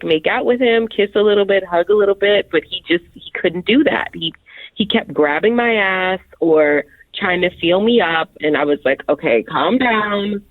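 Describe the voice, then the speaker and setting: A woman speaking over a phone line as a guest on a radio show, talking in a hesitant, halting way with frequent restarts. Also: mid-range voice, no echo. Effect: heard over a phone line. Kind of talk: casual phone conversation.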